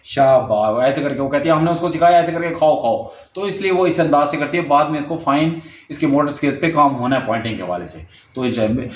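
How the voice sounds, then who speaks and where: A man's voice: fairly high pitch, fast talker, a little hiss or hum. Patient male therapist in echoey room. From Pakistan. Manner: patient, repeats prompts and praises often. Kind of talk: speech therapy session with commentary. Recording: dull, echoey room recording.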